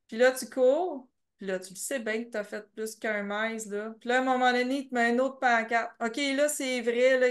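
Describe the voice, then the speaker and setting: A young adult woman with a Québécois French accent, telling race stories as a podcast guest, laughing often. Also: fairly high pitch. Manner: animated storytelling, laughs often, many fillers. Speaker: podcast guest, ultra trail runner. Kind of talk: casual interview chat.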